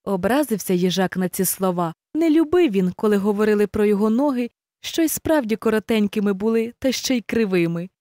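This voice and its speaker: A woman reading a children's fairy tale aloud in an expressive, animated way. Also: medium pitch, a little fast, no echo. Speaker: storyteller. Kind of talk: storybook reading.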